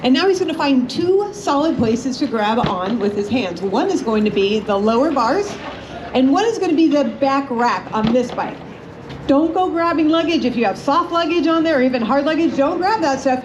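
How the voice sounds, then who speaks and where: A woman's voice: high-pitched, animated, moderate pace, dull audio. A woman giving a live instructional demonstration to a group, conversational and checking in with her listeners often. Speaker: motorcycle riding instructor. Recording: clear background noise.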